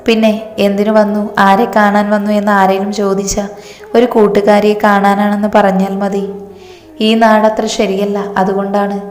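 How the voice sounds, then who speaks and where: Woman narrator reading a calm young husband, level and steady, roomy reverb. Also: mid-range voice, moderate pace, natural voice. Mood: calm firm. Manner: steady, teasing. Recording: roomy reverb, faint music.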